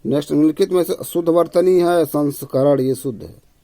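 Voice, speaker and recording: A man teaching Hindi spelling and grammar for exams, reading each question aloud and then dropping low and quiet for the answer, often adding "है ना". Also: brisk, dry recording. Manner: repeats himself, tag "है ना". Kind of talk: casual exam-prep lesson.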